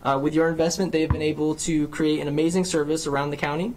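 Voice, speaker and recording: A young man seated in a large council chamber, giving earnest prepared testimony into a desk microphone, often pausing on ums and uhs. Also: on the high side, little pitch movement, darkish tone. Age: young adult. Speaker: public hearing speaker, bus rider. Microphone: desk microphone on a stand.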